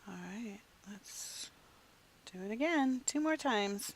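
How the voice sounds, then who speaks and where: A game streamer chatting casually to viewers while playing, rambling along and dropping into soft muttered asides. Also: mid-range voice, animated, takes it slowly. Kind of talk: casual gameplay chat to viewers.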